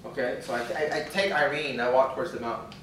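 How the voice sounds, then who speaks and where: A man's voice: mid-range voice, steady tone, fast, fairly bright tone, slight background noise. A man playing a tabletop game, talking in a playful way and laughing often. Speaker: player. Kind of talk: tabletop role-play chat. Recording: echoey room from far off.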